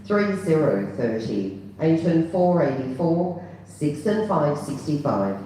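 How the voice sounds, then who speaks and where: A woman working as a bingo caller, announcing numbers digit by digit in a measured, formulaic rhythm with falling endings. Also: deep voice, sing-song, dark tone. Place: large echoing bingo hall. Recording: echoey hall, distant PA sound, faint noise.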